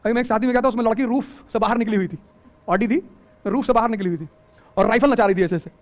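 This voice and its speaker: A middle-aged man teaching a coaching class, giving an animated motivational talk full of rhetorical questions and joking asides. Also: high-pitched, fast talker.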